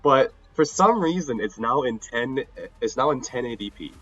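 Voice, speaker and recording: A mid-range, expressive voice with a fairly bright, slightly rough tone comes from a young adult streamer chatting casually during a game at a moderate pace. He sounds a little ill and tired and slightly nasal, rambling, restarting often and laughing, while highs are cut off and soft music plays.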